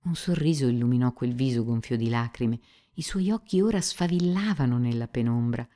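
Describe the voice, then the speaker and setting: A woman narrating a classic novel as an audiobook in a measured, calm storytelling manner. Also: extremely low pitch.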